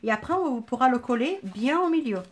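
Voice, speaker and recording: High-voiced woman with a southern French lilt. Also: animated, a little fast. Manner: chatty, thinks aloud, greets viewers by name. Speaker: scrapbooking tutorial host. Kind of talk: live craft tutorial.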